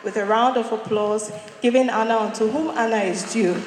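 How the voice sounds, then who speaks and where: A woman's voice: on the high side, fairly even intonation, normal speed, darkish tone, slight background noise. A Ghanaian woman acting as master of ceremonies, steadily reading a prepared formal introduction. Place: large hall. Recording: echoey hall.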